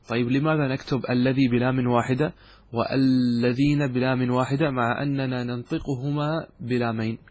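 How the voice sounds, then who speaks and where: A man teaching a lesson on Arabic grammar, explaining step by step, asking questions and answering them himself, and drawing out example words slowly. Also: mid-range voice, darkish tone, slightly rough, no room sound.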